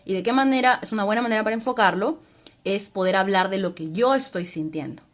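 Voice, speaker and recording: A woman's voice: medium pitch, fast talker. Patient woman psychologist explaining. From Peru. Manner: explains patiently, often ending phrases with a questioning "¿no?". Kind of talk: informal live-stream talk on mental health. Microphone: livestream mic.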